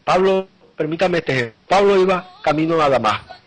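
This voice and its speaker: A man's voice: fairly high pitch, lively intonation, a little fast, poor audio. A man preaching a live sermon, earnestly retelling scripture and often repeating and restarting his phrases.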